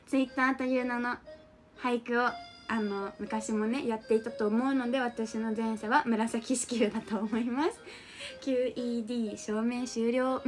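A high-voiced young woman with a mixed Kansai and Kanto lilt, live-streaming and reading chat aloud. She giggles often and teases her viewers in a chatty, playful way. Faint music plays underneath. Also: a little mellow. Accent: mixed Kansai and Kanto intonation. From Japan.

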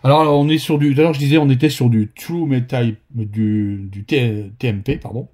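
A man with a northern French Ch'ti accent talks viewers through a miniature painting tutorial. He rambles and restarts often but stays friendly and direct. His voice is mellow and a little husky. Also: medium pitch, steady tone, moderate pace. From northern France. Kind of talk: casual spoken painting tutorial.

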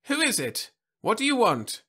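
A man voicing a haughty, sharp-tongued old woman scientist who talks in a scornful, snappish way. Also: high-pitched, wildly swooping pitch, moderate pace, slightly rough, voice pushed up, heavily acted. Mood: wary.

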